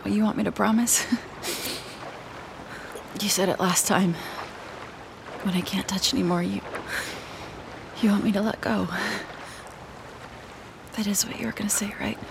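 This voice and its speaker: A woman's voice: mid-range voice, fairly even intonation, a little slow, vocal fry, pauses often, noisy background. A woman acting an earnest, wounded young best friend in an audio drama, speaking with emotional insistence. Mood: subdued.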